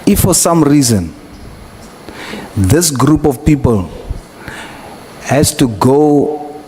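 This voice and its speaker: A man's voice: mid-range voice, animated, mellow. South African man pressing questions, noisy recording. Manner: probing, deliberate, pressing. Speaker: committee member questioning a witness. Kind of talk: formal hearing questioning. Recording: noisy hearing room ambience.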